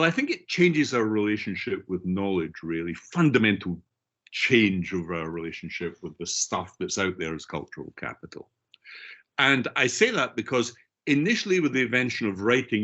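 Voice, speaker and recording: A man's voice: mid-range voice, fairly bright tone. A middle-aged or older man with a strong Scottish accent giving an informal, emphatic webinar talk as guest speaker. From Scotland. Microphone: online video call. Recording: dull, lo-fi online call audio.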